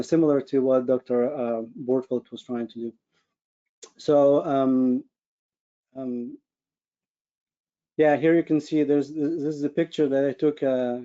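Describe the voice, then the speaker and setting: Over an online video call with screen sharing, a Ukrainian medical physicist gives an informal personal presentation as a webinar speaker. He has a Ukrainian accent and searches earnestly for his words. His medium-pitched voice sounds dark, and the audio is lo-fi.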